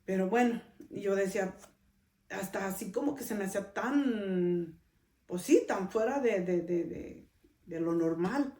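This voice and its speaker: A woman's voice: mid-range voice, measured pace, dark tone. Woman, middle-aged, conversational storytelling, distant mic, echoey room. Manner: conversational, often adds a questioning tag to her sentences. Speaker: podcast host. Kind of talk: personal storytelling. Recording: roomy sound, speaker off-mic.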